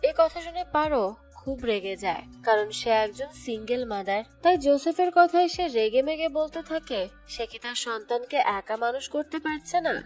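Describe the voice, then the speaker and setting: A woman narrating a movie plot as a steady, scripted storytelling recap. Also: sits high, normal speed. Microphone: voice-over. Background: soft background music.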